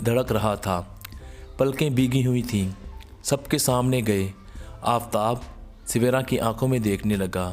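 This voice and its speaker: A man narrating an emotional moral story in a slow, sorrowful storytelling manner. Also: mid-range voice.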